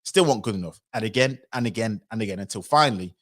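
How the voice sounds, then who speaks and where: Guy doing a livestream, low voice, talks super quick and animated. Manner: animated, acts out quoted voices. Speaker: livestream commentator. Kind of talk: livestream commentary.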